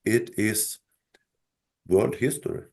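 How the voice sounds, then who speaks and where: Slow, gravelly-voiced man losing his voice. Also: on the low side, a little mellow. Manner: slow, halting, many restarts. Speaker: son telling his mother's story. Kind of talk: live talk with a host.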